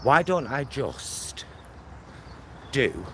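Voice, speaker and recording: A man with a mid-range, sing-song voice vlogs while walking outdoors near a motorway and a lake, thinking aloud in short, rambling phrases and drawing his words out. Traffic and outdoor ambience run through the recording.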